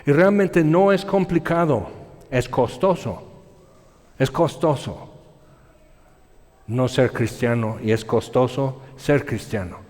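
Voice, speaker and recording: A man preaching a sermon, telling stories in an animated way and voicing other people in his quotes. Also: mid-range voice, slow pace, pauses often. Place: church hall. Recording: long hall reverb.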